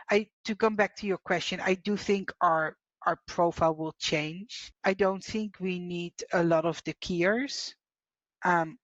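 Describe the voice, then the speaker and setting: Lower-voiced woman, dull lo-fi audio. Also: no echo. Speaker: podcast co-host, payroll professional. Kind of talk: casual podcast conversation.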